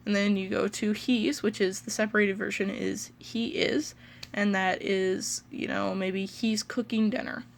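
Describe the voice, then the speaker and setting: A woman with a Midwestern American accent talks through pronunciations at an unhurried, halting pace, filling her gaps with ums. Her voice has a gravelly, creaky edge, and her pitch sits in the middle of a woman's range. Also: little pitch movement. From United States. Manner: slow and hesitant, many ums and pauses. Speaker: pronunciation video host. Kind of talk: casual explanatory teaching.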